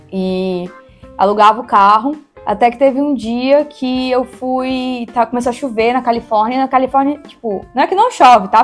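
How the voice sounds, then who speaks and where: A young woman from Brazil speaks in a high voice with a Brazilian Portuguese accent. She tells her story in an animated, chatty way and keeps calling her listeners "gente". Soft music plays faintly behind her. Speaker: YouTuber guest. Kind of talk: casual storytelling interview.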